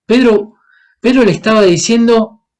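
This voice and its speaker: A man's voice: high-pitched, unhurried, a little mellow. A man from Paraguay, preaching a sermon and asking the congregation questions as he acts out the Bible characters. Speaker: guest preacher.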